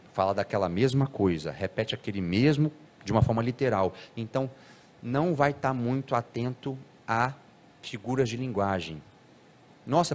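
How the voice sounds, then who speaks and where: A man giving a live talk to an audience, animated and now and then acting out children's speech in a higher voice.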